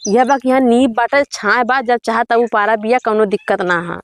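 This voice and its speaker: A woman's voice: fairly high pitch, fairly even intonation, moderate pace, natural voice. A woman playing an exasperated village farm wife in a comedy sketch, grumbling plaintively in an Awadhi accent. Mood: grumbling, aggrieved. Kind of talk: rural comedy sketch acting.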